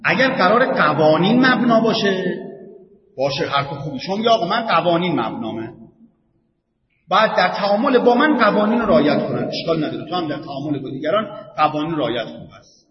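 A man with a fairly high voice gives a conversational religious talk, telling a story and stopping to ask rhetorical questions. He is heard from across a large hall with a long echo. The sound is dull and muffled. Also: big pitch swings. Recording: echoey hall from far off, dull.

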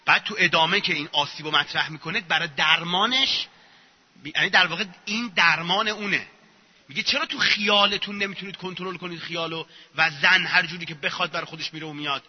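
A man's voice: sits high, breathy edge. A man giving an informal religious lecture, sarcastic and acting out mocking examples as he talks. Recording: muffled echoey hall recording.

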